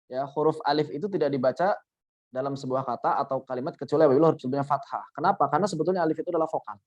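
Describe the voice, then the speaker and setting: Male tajwid teacher, fast talker, patient explainer, muffled video-call audio. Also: fairly high pitch, darkish tone. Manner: patient explaining with repeated examples. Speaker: Quran recitation teacher. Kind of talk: explaining online workshop.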